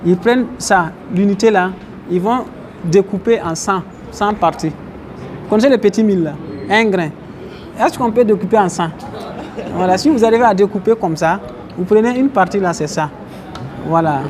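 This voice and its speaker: A man's voice: high voice, normal speed, a little mellow, a faint crowd, slight background noise. A man teaching a religious class, explaining Arabic terms and questioning his listeners. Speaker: Islamic teacher. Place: mosque, faint outdoor traffic behind.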